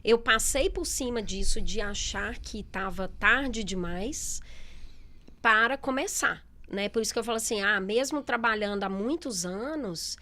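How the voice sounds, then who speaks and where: A middle-aged businesswoman in a relaxed interview, talking candidly with many fillers and quoted asides. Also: medium pitch, unhurried. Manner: chatty, candid, lots of fillers and quoted speech. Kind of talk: casual interview talk.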